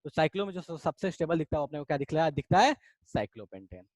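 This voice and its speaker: A man's voice: fairly high pitch, very animated, rapid-fire, no echo. A man teaching chemistry in a casual online class, explaining reactions and chatting with students, calling them beta. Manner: chatty, addresses students as beta, reads out their chat comments.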